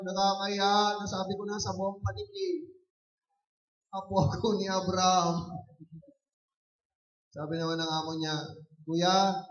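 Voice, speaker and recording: High-voiced pastor preaching in an echoey hall. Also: male voice. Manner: preaching with shouted calls for applause. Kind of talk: sermon. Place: church hall. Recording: muffled, echoey church recording from far off.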